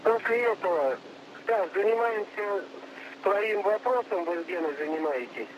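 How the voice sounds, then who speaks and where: A man's voice: high voice, animated, measured pace, dull audio. A man working as a mission control operator, giving businesslike step-by-step procedural instructions and acknowledgements over a radio link. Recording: noisy radio link, clear background hiss.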